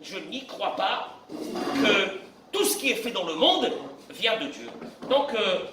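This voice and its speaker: Animated rabbi preaching in an echoey room. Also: male voice, high-pitched, slow, far from the mic, a little hiss or hum. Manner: animated, acts out dialogues, bursts into shouts. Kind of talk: sermon.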